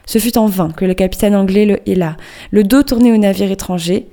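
A woman narrating an audiobook. Her reading is steady and measured. The voice is warm and mellow. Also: mid-range voice.

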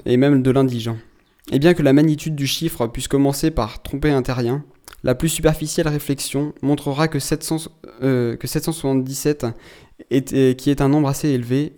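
A man narrating a classic novel as an audiobook in a measured storytelling manner. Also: mid-range voice, mellow. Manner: measured storytelling with occasional restarts.

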